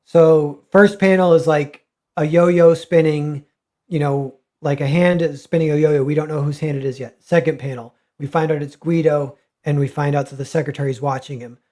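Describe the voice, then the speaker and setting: A man's voice: on the high side, fairly even intonation, moderate pace, mellow. A man, a comic artist guest, talking casually and ramblingly with many fillers and restarts. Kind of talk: casual livestream chat.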